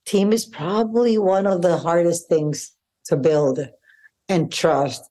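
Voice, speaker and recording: A woman hosting a podcast, voice a little on the low side, asking long, winding questions with eager appreciation. She talks casually, circling back as she thinks. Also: slow, mellow. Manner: enthusiastic and appreciative, rambling questions. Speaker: podcast host. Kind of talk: casual interview conversation.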